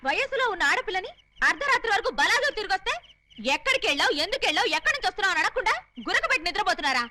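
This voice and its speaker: A shrill, defiant young woman. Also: sing-song, racing, noisy background. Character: defiant young woman arguing with her brothers. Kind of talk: Telugu film comedy acting.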